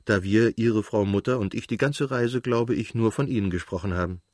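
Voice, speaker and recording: A man doing a graceful lively lady. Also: on the low side, moderate pace, no room sound, clean studio sound, lightly acted. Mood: gracious.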